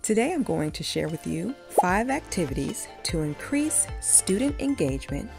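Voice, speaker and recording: A woman's voice: lowish voice, big pitch swings, moderate pace, creaky, music in the background. A woman teacher giving classroom tips in a casual, conversational way, often repeating words as she goes. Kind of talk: chatty instructional video talk.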